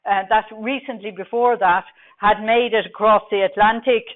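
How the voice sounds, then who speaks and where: A middle-aged Irish woman with a Dublin accent gives a technical conference presentation, talking quickly with many fillers. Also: medium pitch, fairly even intonation. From Ireland. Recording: tinny phone-like recording.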